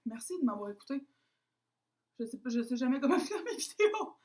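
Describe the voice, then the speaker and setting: A woman's voice: high-pitched, big pitch swings, brisk, a little mellow. A young woman with a Québécois French accent, chatting casually to camera as a vlogger, self-mocking and dropping in English words.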